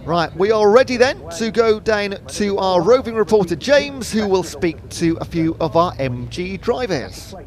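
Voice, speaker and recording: A man's voice: high-pitched, lively intonation, a little slow, few pauses. A man commentating at a race circuit and reading out race results, now and then correcting himself. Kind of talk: motorsport commentary. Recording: crowd noise behind.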